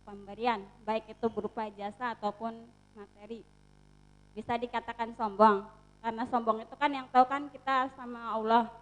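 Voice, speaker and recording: A woman's voice: fairly high pitch, fairly even intonation, normal speed, low-quality recording. A woman politely asking a preacher a question in formal words.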